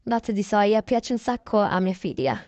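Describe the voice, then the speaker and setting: A woman narrates a toy-game roleplay video, improvising her day in a chatty style and correcting herself as she talks. Her medium-pitched voice is expressive and darkish, her pace measured, with no room sound.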